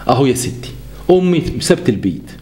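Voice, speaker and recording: A man's voice: mid-range voice, big pitch swings, quick pace, warm tone, voice pushed down, lightly acted. A man voicing a patient, weary Egyptian son caught between his wife and mother. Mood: weary, reasoning. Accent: Egyptian Arabic. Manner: reasoning, weary. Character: torn, patient adult son and husband.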